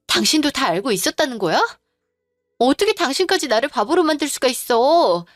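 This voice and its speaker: A woman's voice: on the high side, no room sound, clean studio sound. A woman voicing an angry wife who firmly confronts her husband and in-laws in a dramatized story. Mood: outraged. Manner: firm, demanding, accusing.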